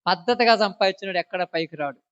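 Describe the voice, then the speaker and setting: A woman's voice: medium pitch, fast talker, muffled recording. A woman preaching an informal sermon who scolds her listeners and keeps asking them rhetorical questions.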